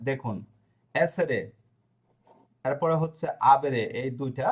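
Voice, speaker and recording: A man teaching a language lesson, reciting verb forms slowly and checking in with his listeners along the way. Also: mid-range voice. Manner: repeats conjugations slowly, with fillers and checks. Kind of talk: explaining a lesson.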